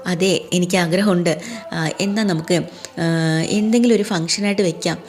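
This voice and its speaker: Woman reading the part of a frail old father in a soap recap, slow and hesitant, soft-spoken, secretive, low-pitched voice. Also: lightly acted. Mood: gentle. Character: ailing elderly father, gentle and secretive.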